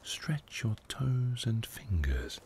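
Male meditation guide, deep-ish voice, very unhurried, gentle hushed and whispery narration. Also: big pitch swings, a little hiss or hum. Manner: soft, hushed delivery, often slipping into a whisper.

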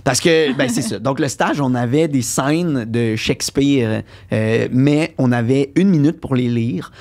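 A man's voice: medium pitch, unhurried, darkish tone. A young man with a Québécois French accent, a podcast guest chatting and telling anecdotes with many fillers and restarts. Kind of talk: casual chat.

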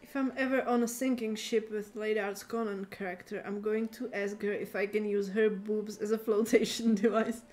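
A woman's voice: medium pitch, steady tone, moderate pace, hardly any pauses, darkish tone. A woman streamer chatting casually and playfully with her viewers while gaming. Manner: playful, teasing, talks to chat.

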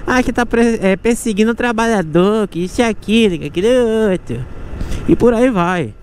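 High-voiced man, Bahian Brazilian accent, slangy casual vlog chat, noisy outdoor street recording with traffic. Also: moderate pace. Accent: Bahian Brazilian Portuguese, Salvador. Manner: slangy, animated street talk. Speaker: motorcycle taxi rider and vlogger. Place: outdoors on city streets, mostly riding a motorcycle. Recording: outdoor noise, traffic and vehicle sounds.

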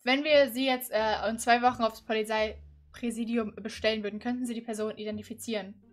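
Young woman gamer, slightly high voice. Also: steady tone, a little fast. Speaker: gamer playing a police officer. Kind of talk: casual improvised game role-play.

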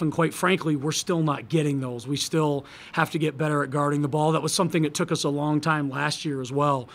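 A man's voice: a little high, a bit bright. A man in his thirties, a head basketball coach at a table microphone in a press room, answering post-game questions candidly, thinking aloud with fillers and restarts. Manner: gestures broadly while talking. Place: press room in front of a logo backdrop.

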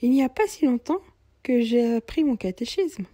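A woman's voice: on the high side, animated, moderate pace, dark tone, no echo, clean studio sound, voice pushed up. A woman doing a pale, anxious young mother. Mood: wondering.

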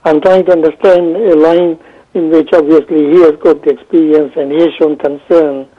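Man calling in, buzzy glitchy call audio, breaking up, halting speech, slightly high voice, dull lo-fi line. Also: little pitch movement. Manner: halting, with many uh fillers and restarts. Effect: buzzy, glitchy phone call audio that breaks up. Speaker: phone-in caller. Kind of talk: call-in question to a talk show. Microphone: phone.

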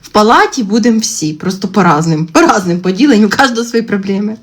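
While drawing on a TikTok livestream from home, a woman in her thirties talks at a quick pace and with plenty of expression. She rants and swears constantly, her pitch shooting up in sudden outbursts when she's worked up. The phone recording carries faint background noise and clicks.

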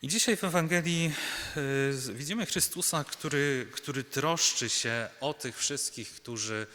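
Bright-voiced priest in a reverberant church. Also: male voice, fairly high pitch. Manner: earnest, halting, many fillers and restarts; rhetorical tag questions to the congregation. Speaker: Jesuit retreat preacher. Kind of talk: personal retreat sermon. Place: large church.

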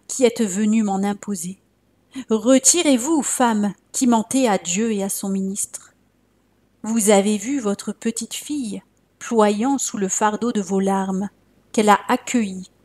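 A woman's voice: mid-range voice, slow, a little mellow. Woman voicing a stern old monk, solemn rebukes, storybook reading. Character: stern old male monk, grave and commanding.

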